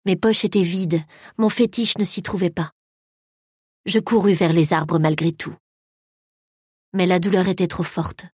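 A woman narrates a first-person story at an unhurried, measured pace. Her voice is husky, at a middle pitch. The recording is dry and close, with no room sound. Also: steady tone, darkish tone, no echo. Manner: slow, measured reading. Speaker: audiobook narrator.

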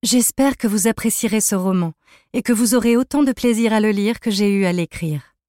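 Woman audiobook narrator, mid-pitched, steady, dry close sound. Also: brisk, no echo. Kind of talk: scripted narration.

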